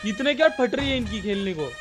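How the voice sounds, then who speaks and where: A man's voice: sits high, animated, fast talker. A man on a gaming squad, cocky and mocking the other team as noobs while calling out positions. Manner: cocky, mocks opponents as noobs. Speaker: squad teammate. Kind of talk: live gameplay chat with callouts. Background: loud game music.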